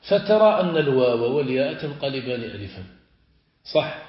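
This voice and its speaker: A man, a sheikh, teaching a classical Arabic grammar lesson. He stretches example words slowly and keeps asking his students whether they follow. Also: medium pitch, expressive. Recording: echoey, dull lo-fi room recording.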